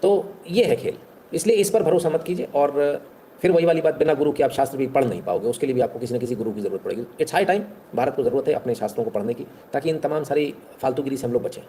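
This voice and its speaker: A man talks fast to his viewers in a mellow voice. He speaks rhetorically and keeps checking in with the listener, turning lively when he makes a point. A faint hum sits behind him. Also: medium pitch. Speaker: online history talk host. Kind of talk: casual talk to viewers.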